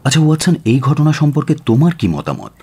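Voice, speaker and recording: An actor playing Sherlock Holmes, an assured, analytical detective, in a radio drama, speaking deliberately and emphatically with authority. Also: male voice, a little high, very animated, warm tone, breathy edge, full character voice. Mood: probing, intent.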